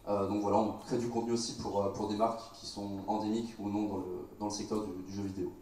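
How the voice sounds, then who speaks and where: A twenty-year-old man, cofounder of a media website, introducing it on a panel in a halting way with many fillers. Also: fairly low pitch, level tone, mellow, a little hiss or hum. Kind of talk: casual panel talk. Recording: roomy hall mic from far off.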